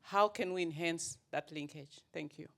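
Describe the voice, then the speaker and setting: A woman's voice: sits low, moderate pace, vocal fry. A woman from Zambia, asking a conference panel direct, orderly questions. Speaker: audience member asking questions, water regulator staff.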